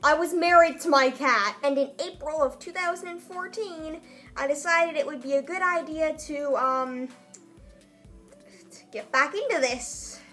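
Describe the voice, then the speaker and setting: A young vlogger with a high, slightly slow and somewhat bright voice chats casually in a comedic vlog, reading her own old writing. She adds wry, self-mocking asides while faint music plays behind her.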